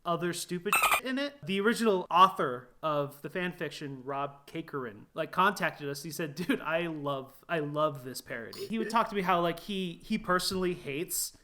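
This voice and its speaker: A man who is a guest animator on a podcast, talking in a casual, animated way with frequent laughs and filler words. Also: high voice, moderate pace, few pauses. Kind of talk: casual chat.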